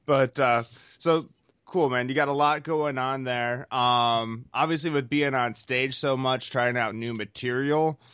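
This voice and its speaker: A man hosts a casual interview in an easygoing, laid-back way. His voice sits at an ordinary pitch, and the recording is dry, with no room echo. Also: fairly even intonation, unhurried, fairly bright tone, smooth. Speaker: podcast host.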